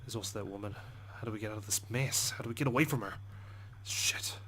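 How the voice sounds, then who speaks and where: A man's voice: on the low side, fast, fairly bright tone, slight background noise. A man hosting a let's play, reading visual novel narration expressively with side comments and frequent swearing.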